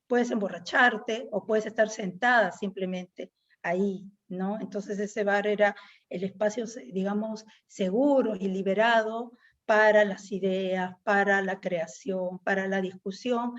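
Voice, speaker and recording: A middle-aged Peruvian woman with a Peruvian Spanish accent appears as a guest poet in a reflective conversational interview, often closing thoughts with "¿no?" and using "este" as a filler. Her mid-range voice is unhurried with fairly even intonation, and the highs are cut off.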